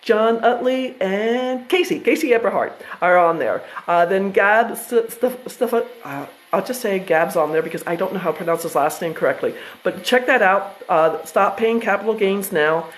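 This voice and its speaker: American woman, 50s, mid-pitched, casual rambling presenter who restarts sentences often. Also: normal speed, few pauses, low-quality recording. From United States. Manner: chatty, self-interrupting, with frequent fillers and restarts. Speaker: trust educator presenting to investors.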